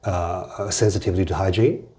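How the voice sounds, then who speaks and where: A man's voice: deep voice, steady tone, a little fast, warm tone. A man hosting a casual interview podcast, often repeating words and restarting his sentences.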